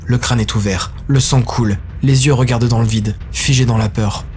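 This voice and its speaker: A man narrating a dark science-fiction audio story in a grave, intense manner. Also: medium pitch, steady tone, moderate pace, soft background music.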